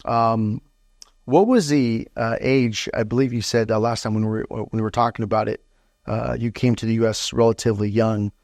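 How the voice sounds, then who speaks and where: A man's voice: fairly low pitch, steady tone, moderate pace, darkish tone, no echo, clean studio sound. A man hosting a local podcast, asking long, rambling questions full of fillers. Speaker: podcast host. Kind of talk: interview podcast.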